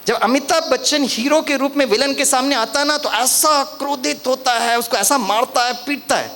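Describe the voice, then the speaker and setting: A man giving a motivational lecture, telling stories and acting out the dialogue. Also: extremely high pitch. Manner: lively storytelling, acting out dialogue. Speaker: motivational speaker. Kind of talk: lecture on stress management. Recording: long hall reverb.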